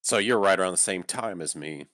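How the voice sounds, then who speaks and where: A man leading a casual group chat in a halting, rambling way. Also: deep voice, animated, a bit bright, no echo, clean studio sound. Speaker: leads the group conversation.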